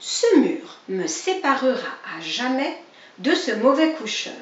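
A woman putting on a fussy, quarrelsome male rabbit, scolding in a loud, raised voice that swings widely in pitch. He drags out his complaints slowly. The storybook recording is dull and roomy and picked up from a distance. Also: sing-song. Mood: gloating.

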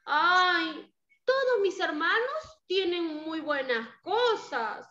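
A woman's voice: extremely high pitch, expressive, slow pace, bright, forceful tone, muffled recording, slight background noise, full character voice. A woman voicing a poor, sad young man, a miller's son in a children's story, with plaintive sighs. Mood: sad, doubtful.

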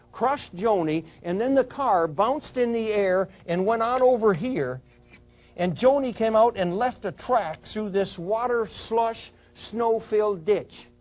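A male police officer with a high-pitched, darkish voice gives an emotional talk to an audience. He tells a story with repeated restarts and appeals directly to "people."

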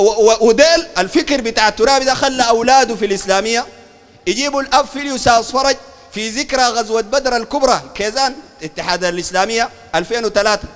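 A man's voice: high-pitched, fairly bright tone, in a large hall. A man preaching in a blunt, combative way with a Sudanese Arabic accent. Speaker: sheikh preacher. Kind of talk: sermon and discussion talk.

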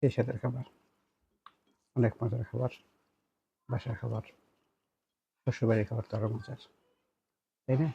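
A Bangladeshi man with a husky voice chats casually to viewers in a mukbang eating show, making unhurried, repetitive remarks between bites. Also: medium pitch, level tone, muffled recording. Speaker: food vlogger eating on camera.

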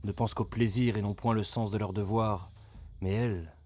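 A man's voice: lowish voice, fairly even intonation, moderate pace, close to an everyday voice. Man voicing a raging, blustering medieval lord. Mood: persuasive. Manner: loud, coarse and vehement. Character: brawny furious medieval male lord, blustering.

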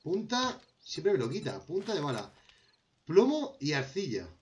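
Lively Spanish man narrating gameplay. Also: a little high, measured pace, slight background noise. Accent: Spain. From Spain. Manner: talks to himself while crafting, addressing viewers as friends. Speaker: gameplay commentator. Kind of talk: casual gameplay commentary.

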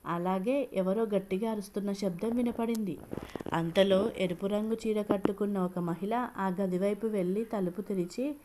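A woman narrates a storybook in a steady, even reading voice at an ordinary middle pitch. Her delivery is scripted and measured throughout. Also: slight background noise.

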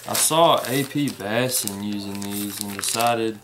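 A young man casually unboxing fishing tackle at a table indoors, unhurried, naming each item as he opens it. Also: lowish voice, noisy background. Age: young adult. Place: indoor room at a table with plants. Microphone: camera in front at table distance.

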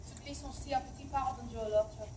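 A woman recites verse on stage in a measured, declamatory manner. Her voice sits high. She is heard from some distance, with room echo around her. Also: fairly even intonation, background noise. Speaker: performer reciting translations. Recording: echoey stage from far off.

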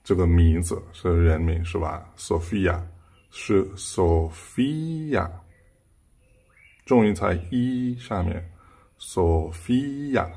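A man giving a casual language lesson, slowly repeating each phrase before explaining what it means. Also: sits low, warm tone, slight background noise. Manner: slowly repeats phrases, then translates them. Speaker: Spanish teacher. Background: song playing clearly.

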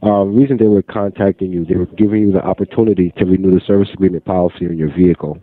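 A man's voice: sits low, fairly even intonation, racing. A man working as a customer service agent, speaking politely and formally on a call. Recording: tinny, band-limited telephone line.

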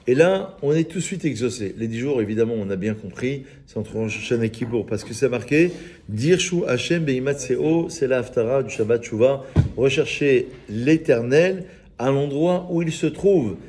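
A man, a rabbi giving an informal, lively Torah lesson and joking with his small group of listeners. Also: mid-range voice, normal speed. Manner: lively, teasing, chats with listeners. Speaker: rabbi teaching a class.

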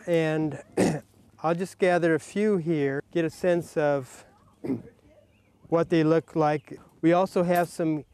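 An older man, a farmer, giving a casual tour outdoors, speaking haltingly and often clearing his throat. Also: on the high side, a little mellow. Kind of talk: casual explanation on a farm tour. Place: outdoors in a garden and greenhouse.

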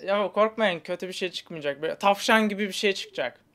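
A woman's voice: mid-range voice, fairly quick, fairly bright tone. A woman pranking strangers over video chat, teasing them with slangy, playful patter and a mock magic trick. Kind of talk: casual trolling chat with strangers.

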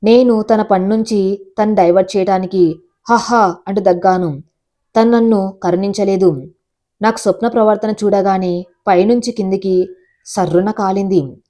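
A woman narrating a first-person audio story in a steady, measured way. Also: medium pitch.

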